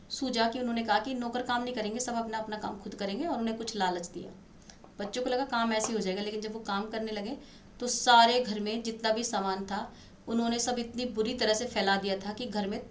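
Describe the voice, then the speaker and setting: A woman's voice: on the high side, steady tone, moderate pace, a bit bright. A woman teacher running an exam-prep lesson, reading quiz questions and their options aloud, then confirming the answer and addressing her students affectionately as "beta". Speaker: Hindi teacher. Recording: echoey room, faint background noise.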